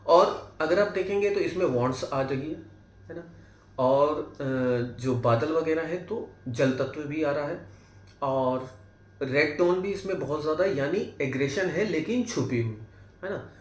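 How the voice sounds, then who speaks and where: A man's voice: on the high side, a little slow. A man with a Hindi accent teaching tarot basics, walking through each card and often checking in with tag questions and fillers. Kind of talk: explaining cards one by one. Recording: echoey room.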